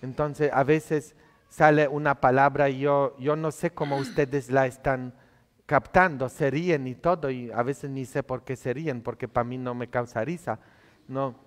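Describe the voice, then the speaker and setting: A priest in his thirties, not a native Spanish speaker, gives a conversational homily from a church altar, peppering it with tag questions. His voice is medium in pitch, steady and a little slow, with long church reverb.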